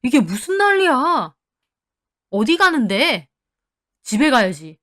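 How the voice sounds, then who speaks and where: A woman voicing an exasperated young husband in a storybook drama who shouts to stop a family fight. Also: high voice, big pitch swings, slow pace, full character voice. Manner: loud pleading shouts. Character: exasperated young husband trying to calm his wife.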